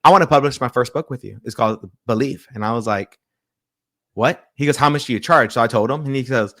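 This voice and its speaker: A man's voice: medium pitch, fast. A man who is a pastor and publisher, telling a story in a casual interview, acting out quoted dialogue and often restarting his sentences. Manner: animated retelling with quoted dialogue and frequent restarts.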